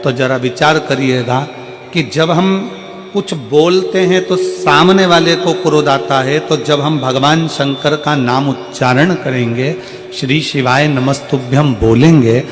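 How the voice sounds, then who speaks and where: Male devotional preacher, higher voice, repetitive rhetorical delivery, reverberant hall with music bed. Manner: repetitive rhetorical preaching, asks crowd to answer. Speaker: katha preacher. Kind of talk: devotional sermon with bhajan singing.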